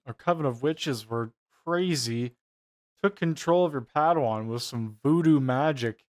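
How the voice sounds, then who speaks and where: A man giving a casual, mocking reaction commentary, profane and incredulous in his delivery. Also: mid-range voice. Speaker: reaction show host.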